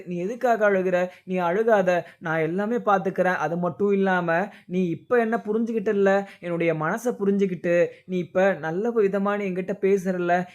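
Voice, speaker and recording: A man's voice: sits high, close to an everyday voice. A man voicing a heartbroken, devoted young husband who pleads in long run-on sentences.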